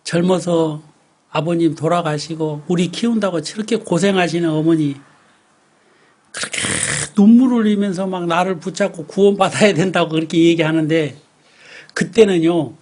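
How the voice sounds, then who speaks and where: A man in his sixties from Namwon with a Jeolla dialect accent, a pastor preaching a Sunday sermon and telling his own testimony in an animated storytelling way. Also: fairly high pitch, normal speed. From Namwon, South Korea. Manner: animated storyteller who acts out his own past outbursts.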